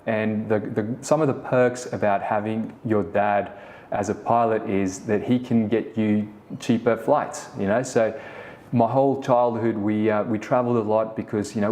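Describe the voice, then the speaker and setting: A South African man in his thirties, a native Afrikaans speaker and co-founder of a business, hosts a relaxed podcast on his own in a lowish, darkish voice. His storytelling rambles, with many restarts and frequent use of "the thing is."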